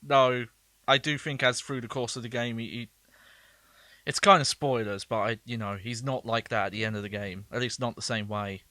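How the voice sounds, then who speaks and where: A man's voice: mid-range voice, steady tone, normal speed, sharp tone, no echo. A man streaming a game and giving casual, rambling commentary, laughing often.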